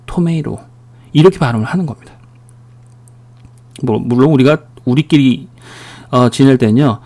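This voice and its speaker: A man's voice: medium pitch, darkish tone. A man giving a recorded English pronunciation lecture, drilling words and asking the listener questions as he goes. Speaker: English teacher.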